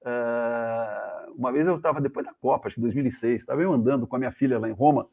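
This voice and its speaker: A man's voice: medium pitch, fast talker, vocal fry. Brazilian man telling stories over a tinny call. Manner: animated, acts out the voices in his anecdotes. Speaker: guest journalist. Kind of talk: casual storytelling. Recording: tinny phone-like video call audio.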